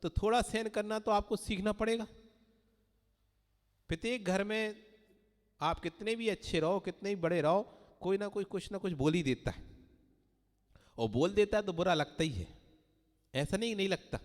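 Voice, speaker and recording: Jain monk preaching in a reverberant hall. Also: male voice, sits high, normal speed, long pauses. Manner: storytelling, acting out quoted voices. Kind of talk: sermon.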